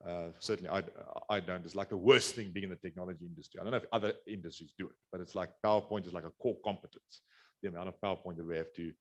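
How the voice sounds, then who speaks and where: A middle-aged man with a South African accent rattles through a business webinar rapid-fire, his voice low and darkish with fairly even intonation. His talk is rambling, riddled with fillers and restarts.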